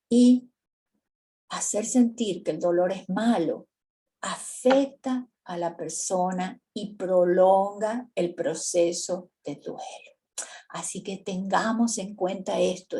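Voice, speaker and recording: A woman gives a faith-based workshop on grief for other women. She speaks slowly in a mellow, soft-edged voice. Her delivery is calm, gentle and earnest, and she often pauses to put questions to her listeners. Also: lowish voice. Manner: calm, measured, asks the audience questions.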